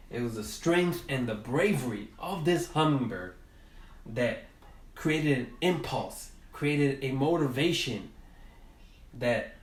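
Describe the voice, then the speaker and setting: A man teaching drawing tells a soft story as he colors, speaking slowly in a middle-range voice that stops and restarts frequently. He is an art teacher, and the recording feels spacious and far off, like the microphone is several feet from him.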